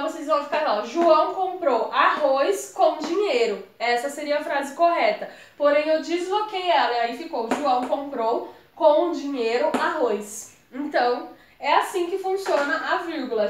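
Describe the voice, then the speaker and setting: A woman's voice: high-pitched, fairly bright tone, reverberant, slight background noise. A woman with a Brazilian Portuguese accent explaining exam grammar in a chatty, casual lesson, often calling her viewers "gente". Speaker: exam prep tutor.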